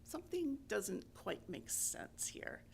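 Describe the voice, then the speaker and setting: A woman voicing a kindly male creator spirit in a spoken parable, asking questions gently and patiently. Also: mid-range voice, big pitch swings, takes it slowly, creaky, a little hiss or hum, pitched above the performer's own voice, exaggerated voice. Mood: concerned.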